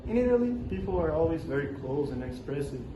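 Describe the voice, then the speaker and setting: A young man with a fairly high, fast voice and big pitch swings answers interview questions in a scripted school role-play, reading prepared answers steadily. The room is echoey, with noticeable noise.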